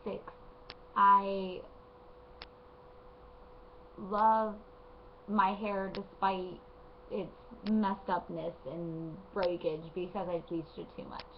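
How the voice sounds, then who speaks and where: A woman with a hoarse, gravelly voice talks casually to camera from her couch late at night. She rambles gently with frequent ums, encouraging her viewers. The recording is dull and lo-fi, with a faint background noise. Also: medium pitch, level tone, very slow, pauses often. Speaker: vlogger and parenting page admin. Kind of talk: casual motivational talk to camera.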